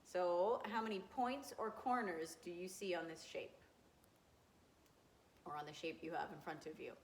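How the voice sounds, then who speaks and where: Woman, primary teacher, lowish voice, gentle, encouraging, recorded lesson, faint background noise. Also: normal speed. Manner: gentle, encouraging, asks questions and answers them herself. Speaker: grade two teacher. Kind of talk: recorded remote math lesson for children.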